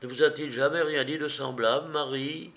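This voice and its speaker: A man voicing a gentle, pious young woman who pleads earnestly. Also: a little high, steady tone, normal speed. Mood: gentle pleading.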